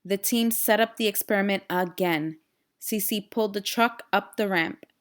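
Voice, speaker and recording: A woman teacher with a mid-range voice and a moderate pace reads a children's storybook aloud with lots of expression. She speaks directly to her young listeners in an instructional way, asking them simple questions.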